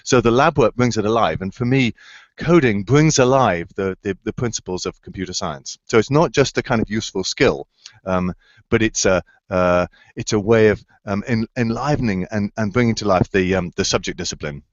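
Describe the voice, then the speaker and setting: At a moderate pace, a fairly low-pitched researcher eagerly answers student questions in a remote Q&A, frequently restarting and using fillers while searching for words. The sound is dry and slightly dull, as heard over a video call.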